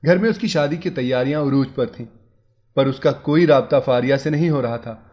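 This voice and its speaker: A man narrating a moral story in a steady, even storytelling manner. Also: mid-range voice, fairly quick.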